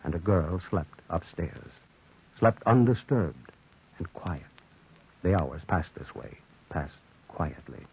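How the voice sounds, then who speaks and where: A man narrating a scripted old radio drama in a dramatic, deliberate storytelling manner. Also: low-pitched, animated, vocal fry, slightly rough. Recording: dull, lo-fi old radio recording.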